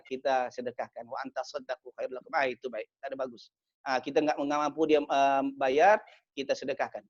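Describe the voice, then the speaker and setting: A man giving a short sermon, animated, often acting out debtors' excuses. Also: on the high side. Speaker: preacher. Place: community gathering in New Zealand. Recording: dull lo-fi sound.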